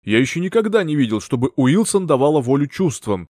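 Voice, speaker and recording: A man's voice: on the high side, very animated, brisk, a little mellow, no echo. Guy reading a fed-up proper gent, scolding, dry audiobook. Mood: reproachful. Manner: indignant, reproachful. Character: proper, exasperated gentleman brother.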